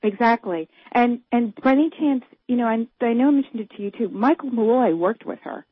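A woman's voice: fairly high pitch, fairly quick, husky, dry recording. A woman calling in to a radio show over the phone, earnest and urging, restarting her sentences as she makes her case. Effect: heard over a phone line on a radio show. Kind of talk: casual call-in chat. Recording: tinny dry phone line.

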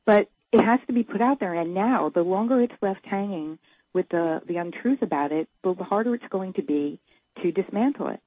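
A woman's voice: mid-range voice, animated, moderate pace, slightly rough, no echo. A woman calling in to a radio show over the phone, earnest and urging, restarting her sentences as she makes her case. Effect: heard over a phone line on a radio show. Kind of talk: casual call-in chat. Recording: tinny dry phone line.

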